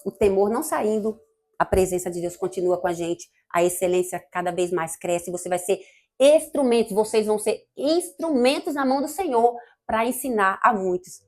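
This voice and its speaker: A woman's voice: medium pitch, normal speed, a little mellow. A woman with a Brazilian Portuguese accent giving an informal, fervent church sermon in a conversational, digressive way. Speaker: church member preaching.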